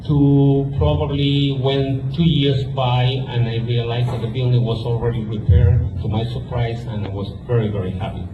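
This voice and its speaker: A man in his fifties from Chile, with a Chilean Spanish accent, giving an earnest, halting speech with frequent restarts to an audience at a book presentation. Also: medium pitch, steady tone. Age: 50s. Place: historic mansion event space. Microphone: handheld microphone. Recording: distant, echoey, dull sound with loud music.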